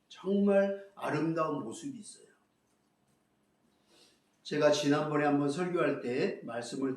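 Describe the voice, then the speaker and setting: A man preaching a sermon as pastor, telling a story with lively acted-out quotes. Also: on the high side, distant mic. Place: church hall. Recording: echoey hall, voice from afar.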